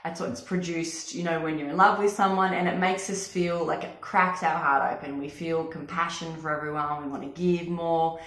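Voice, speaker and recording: Woman, lowish voice, casual testimonial talk, effusive, informal, wellness coach, echoey room. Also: steady tone, normal speed, few pauses, fairly bright tone.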